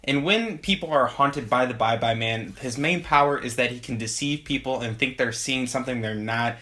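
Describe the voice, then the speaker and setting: A man's voice: medium pitch, normal speed, sharp tone. A young man giving a casual video movie review, sarcastic and laughing while he talks.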